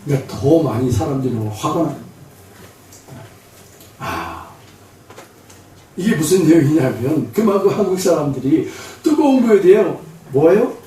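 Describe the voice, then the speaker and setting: A male pastor delivers a sermon with a lively, swooping voice that rises and falls a lot. He tells his stories with energy and acts out the people in them. The sound rings through a big echoey church, heard from a little away from the mic. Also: on the high side, a little slow, long pauses, distant mic. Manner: animated, acts out quoted voices. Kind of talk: sermon with humorous storytelling. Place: church sanctuary.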